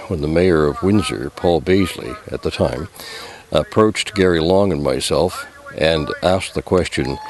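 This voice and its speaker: A man answering interview questions as an organiser, in measured and formal wording. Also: sits low, darkish tone. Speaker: competition organiser.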